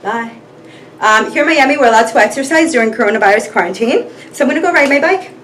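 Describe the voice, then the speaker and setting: A woman's voice: high voice, lively intonation, fast talker, a bit bright, a little hiss or hum. A woman chatting casually to her viewers in a rambling vlog, full of fillers. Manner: chatty, scattered, many fillers. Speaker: vlogger. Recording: echoey room, mic far off.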